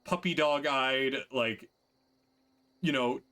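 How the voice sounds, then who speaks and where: A man's voice: medium pitch, slow pace, sharp tone. A man narrating a tabletop game as game master in a casual style, with fillers and laughs.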